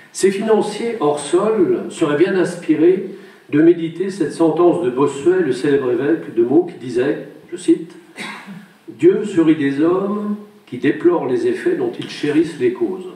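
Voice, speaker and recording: A man's voice: fairly high pitch, mellow. Echoey, distant man giving a formal speech. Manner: solemn, oratorical, rhetorical phrasing. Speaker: wine brotherhood orator. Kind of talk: formal prepared speech to an assembly. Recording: echoey room, distant microphone.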